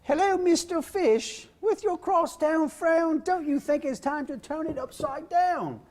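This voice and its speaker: A silly, squeaky storybook voice, drawn out slowly and pitched way up, as a male TV host puts it on. It sounds a little distant from the mic, sing-song and playful. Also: background noise. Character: silly high-pitched storybook fish-greeting voice.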